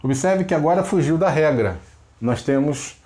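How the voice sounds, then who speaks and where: A man's voice: a little high, expressive, moderate pace, a little mellow. A man teaching a class at a board, patiently checking in with the students after each step. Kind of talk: classroom lesson at a whiteboard.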